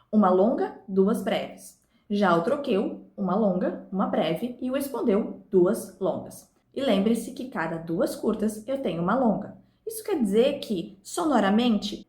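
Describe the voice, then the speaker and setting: A woman's voice: a little high, darkish tone. Echoey woman teaching a lesson. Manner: explanatory, addresses viewers directly. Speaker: literature teacher. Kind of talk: recorded video lesson.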